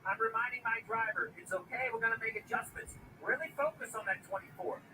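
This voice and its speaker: A man's voice: extremely high pitch, fast talker. A man giving live motorsport commentary for television with analytical, emphatic phrasing. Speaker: race commentator. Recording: loud race-car noise behind. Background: race engines.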